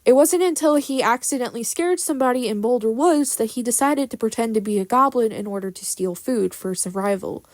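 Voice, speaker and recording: A woman with a fairly high voice and a dry, close sound rants in an opinionated, slightly unhinged way. She speaks casually from prepared material, swearing freely and dropping sarcastic asides. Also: brisk, hardly any pauses, dry recording. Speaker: fan fiction creator. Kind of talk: casual scripted rant explaining characters.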